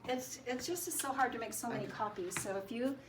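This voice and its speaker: A woman's voice: fairly high pitch, a little fast. A woman leading a Bible class, giving casual, loosely worded instructions and rephrasing as she goes. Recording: roomy echo with faint room noise.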